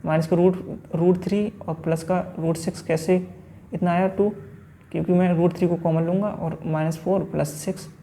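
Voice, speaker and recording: Gravelly dark-voiced guy doing a math lesson, flat delivery, keeps asking then answering himself. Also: high voice, moderate pace, a little hiss or hum. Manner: talks through each step, asks and answers himself. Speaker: math teacher. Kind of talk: exam-prep math lesson.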